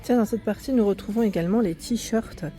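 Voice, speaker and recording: Chatting a little fast at a medium pitch, a female fashion vlogger walks viewers through a clothing store. Her frequent self-corrections come while she talks over loud in-store music that is faint in the recording.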